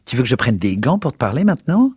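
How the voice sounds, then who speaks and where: A man's voice: husky, no echo, clean studio sound, heavily acted. Man voicing a furious betrayed mistress. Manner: shrill accusing outbursts, fast and raised.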